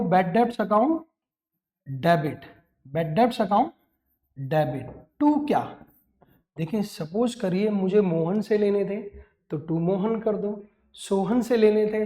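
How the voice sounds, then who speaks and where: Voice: medium pitch, a little mellow. An accounting teacher giving a classroom lecture, calling students "beta", mixing in English terms and drilling them with repeated questions.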